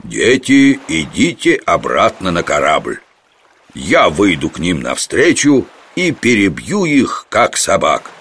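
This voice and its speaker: A man voicing a huge, good-natured giant king who gives calm, fatherly commands in a storybook reading. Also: low voice, takes it slowly, slightly rough, heavily acted. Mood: fierce.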